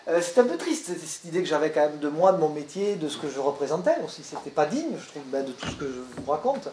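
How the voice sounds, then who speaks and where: A stage actor tells a personal story, animated and quick to repeat a word while he hunts for the next. His man's voice sits a little high. The room around him is echoey, with a faint ambience. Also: slight background noise. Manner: animated, repeats words when searching for them.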